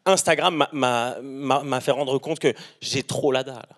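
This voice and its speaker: A man's voice: mid-range voice, steady tone, measured pace. A man doing stand-up in a rambling, stammering, crude way. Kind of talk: stand-up comedy.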